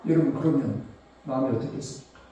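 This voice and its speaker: An older male pastor preaching a sermon, telling a personal story with emotion, swinging from hushed tones to loud exclamations. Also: mid-range voice, quick pace. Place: church sanctuary. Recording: echoey church hall, mic at a distance.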